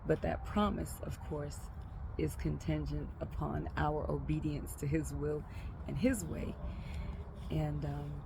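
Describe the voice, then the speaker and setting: A woman speaks slowly and thoughtfully in a reflective spoken talk, often pausing to gather her words. Her voice has a gravelly, creaky edge. Steady vehicle noise runs clearly underneath. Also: low voice. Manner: slow, thoughtful, pausing with frequent ums. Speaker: speaker sharing a religious reflection.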